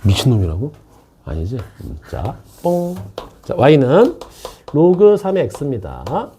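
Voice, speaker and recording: A man's voice: mid-range voice, huge pitch swings, slow, mellow, slight background noise. A male math teacher giving a classroom lecture, chatty and joking with his students and often checking they follow.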